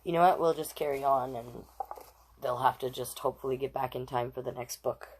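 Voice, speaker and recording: A woman with a rumbling low voice speaks a little fast over poor audio with a slight hiss or hum. A storytime host and drag king reader, she reads a children's picture book expressively and chats with her live viewers between passages.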